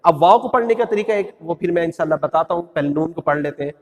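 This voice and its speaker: A man's voice: a little high, lively intonation, quick pace, long reverb tail. A man teaching how to pronounce the letters of the Quran, patiently drawing out each sound in a sung recitation. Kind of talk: religious lesson on pronunciation.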